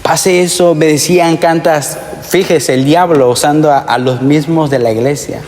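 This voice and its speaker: A man's voice: fairly high pitch, fairly even intonation, normal speed, a little mellow. A man preaching a testimony sermon to young people, earnest and addressing them directly with calls for amen. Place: church sanctuary. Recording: long hall reverb.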